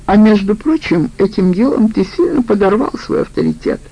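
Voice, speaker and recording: A woman voicing a sharp-tongued middle-aged female accomplice who mocks and needles, in a storybook reading. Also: medium pitch, lively intonation, moderate pace, slightly rough, lo-fi sound, pitched above the performer's own voice. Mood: mocking. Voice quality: mocking, needling.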